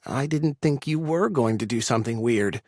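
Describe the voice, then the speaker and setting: A man's voice: mid-range voice, moderate pace, darkish tone, no echo, studio quality, natural voice. A man voicing an unsure, careful teenage boy in an audiobook, speaking hesitantly. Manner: hesitant, questioning.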